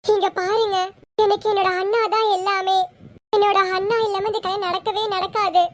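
A woman's voice: extremely high pitch, flat delivery, moderate pace. A woman voicing a young bride who insists on waiting for her brother, in amateur serial acting. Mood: distraught. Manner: pleading and insistent.

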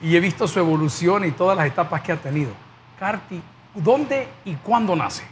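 Middle-aged salvadoran host, highish lively voice, jokey, studio lapel mic, faint hiss. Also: male voice, normal speed. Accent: Salvadoran Spanish. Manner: jovial, joking, lively presenter. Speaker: TV host and pastor. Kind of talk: talk show hosting. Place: TV studio set.

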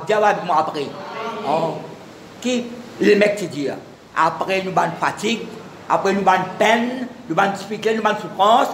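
A man preaching a sermon as pastor, mixing French with Creole and repeating words to his congregation. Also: sits high. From Mauritius. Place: church hall. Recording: echoey church with faint room noise.

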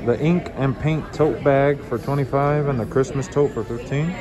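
Man, casual shopping vlog, mid pitch, phone camera, store music in background. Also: fairly even intonation, normal speed. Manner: chatty, pointing out prices. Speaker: vlog host. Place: large indoor retail store. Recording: store music playing behind.

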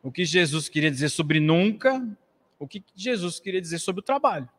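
A man's voice: on the high side, big pitch swings, moderate pace, fairly bright tone. Brazilian man preaching in an echoing hall. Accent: Brazilian Portuguese. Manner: earnest, preaching with wide gestures. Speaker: lecturer at a spiritist center. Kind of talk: spiritist lecture. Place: small hall, standing at a lectern. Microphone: stand mic at a lectern. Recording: long hall reverb.

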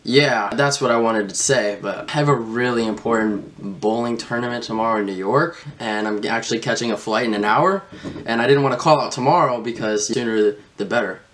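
A man's voice: medium pitch, brisk, fairly bright tone. A young man talking in a casual, slangy way, as in a prank phone call or video chat. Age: young adult. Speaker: prank caller and video host. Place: small room indoors, plain wall.

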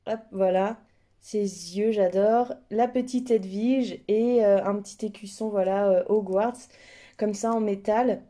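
A woman's voice: medium pitch, fairly even intonation, measured pace, warm tone. A woman chatting casually through an unboxing in an effusive, admiring way, her mouth numb from the dentist so that speech is slightly impeded. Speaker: host of unboxing videos.

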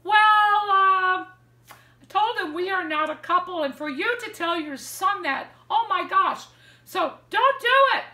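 A woman's voice: very high voice, unhurried. An older woman telling a story casually to the camera in her living room, acting out the lines she quotes. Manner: animated, acts out quoted lines with hand gestures. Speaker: vlogger sharing dating advice. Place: living room, seated in armchair indoors. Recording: echoey room.

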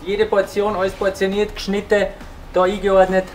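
A man's voice: sits high, completely flat delivery, normal speed, music in the background. A middle-aged man, a chef showing his kitchen in short, matter-of-fact phrases. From Austria. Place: restaurant kitchen, indoors.

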